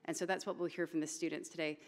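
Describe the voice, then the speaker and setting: A woman moderates a panel from a conference stage. Her voice sits on the low side, and she speaks in an informal way, dropping in words. Her voice carries the long reverb of a large hall. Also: level tone, fast. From Hawaii. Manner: informal, mixes in Hawaiian words.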